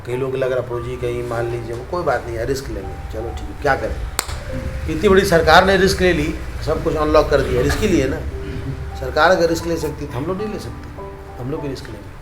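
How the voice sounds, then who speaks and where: A man's voice: fairly high pitch, animated, brisk, roomy sound, music in the background. A man preaching a casual devotional talk to young people, repeating phrases for emphasis and chuckling at his own jokes. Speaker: monk preacher giving a youth talk. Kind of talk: Hindi devotional talk mixed with English words.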